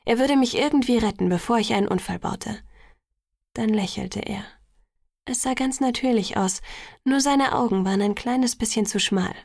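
A woman reading a first-person audiobook in a measured, quietly reflective way. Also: fairly high pitch, creaky, no echo, clean studio sound. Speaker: audiobook narrator.

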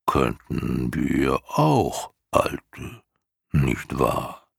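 Ancient weary turtle, voiced by a man, very deep, dragging slow, whispery wheeze, gravelly, dry sound. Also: big pitch swings, no room sound, full character voice. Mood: indifferent. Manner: drawn-out, apathetic, snuffling. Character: ancient weary giant female turtle, indifferent.

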